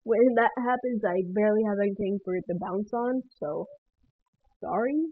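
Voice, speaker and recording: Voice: medium pitch, normal speed, no room sound. A speaker giving casual gameplay commentary for a guide, rambling and hesitant, often laughing and trailing off. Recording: tinny phone-like dry sound.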